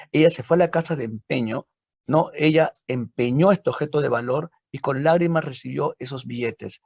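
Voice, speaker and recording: A Peruvian literature teacher with a mid-range, creaky, husky, slightly mellow voice tells a story as a dramatic lecture, often tossing tag questions at his listeners. The dry recording sounds dull and lo-fi.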